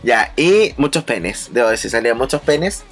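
A young man with a Chilean Spanish accent telling stories in a casual podcast chat, animated, with lots of laughing and playful voice imitations. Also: mid-range voice, normal speed, faint music behind. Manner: animated storytelling, mimics voices and laughs often. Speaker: podcast host.

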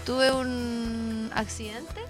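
A woman with a Chilean accent, a radio co-host chatting casually, telling a story with animated energy and frequent laughter. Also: on the high side, very slow, music in the background. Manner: animated storyteller, laughing often, lots of slang.

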